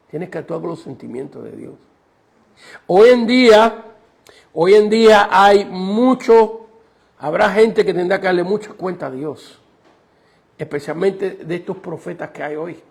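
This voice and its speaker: A man's voice: fairly high pitch, creaky, a little mellow. A male pastor preaching a sermon, emphatic and firing rhetorical questions at the congregation.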